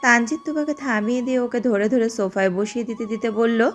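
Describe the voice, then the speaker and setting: A woman giving steady, scripted narration of an audio drama. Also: a little high, a little fast, soft background music. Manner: steady storytelling.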